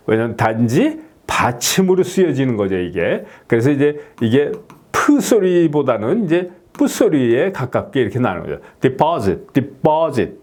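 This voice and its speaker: A man teaching English pronunciation, filling pauses with "yes" and repeating each word slowly. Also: mid-range voice, a little mellow. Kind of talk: explaining lesson to camera.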